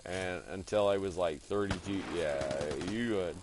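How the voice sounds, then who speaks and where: Here a man from California talks a little slowly in a deep voice while streaming a game, his casual chatter crude, meandering, and heavy on the swearing. Background noise is audible.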